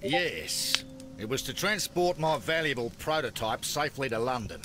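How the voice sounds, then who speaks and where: A man's voice: medium pitch, big pitch swings, normal speed, sharp tone, a little hiss or hum. An actor playing a pompous, self-important male businessman and inventor in a video game.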